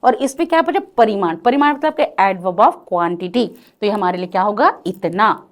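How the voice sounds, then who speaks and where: A woman teaching an exam-prep grammar lecture, calling her students "beta" and often checking whether it is clear, drawing out example lines slowly. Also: medium pitch, animated.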